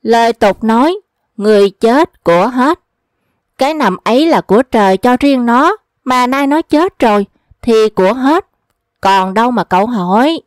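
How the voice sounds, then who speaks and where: A woman's voice: on the high side, expressive, unhurried, no echo, clean studio sound. A woman voicing a mischievous old male village trickster who loves telling tall tales, in a sly, teasing manner.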